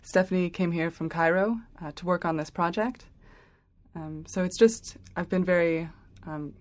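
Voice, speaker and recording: A young woman with a lowish, darkish voice speaks at normal speed with fairly even intonation. As an interview guest and project founder, she gives casual answers about founding her project, chatty and full of fillers with light laughs.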